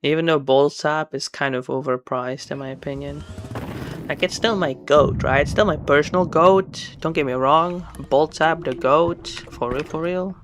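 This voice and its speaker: A man's voice: on the high side, normal speed, background noise. A man casually commenting on his solo game stream, rambling and correcting himself as he goes. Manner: rambling, self-correcting, chatty. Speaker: gamer streaming solo play. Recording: game music behind the voice.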